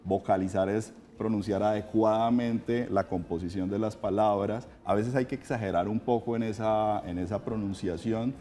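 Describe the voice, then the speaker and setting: A man with a low, mellow voice explains diction in a calm, measured, teacherly way. He talks in a morning TV studio. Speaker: voice coach guest on a morning show.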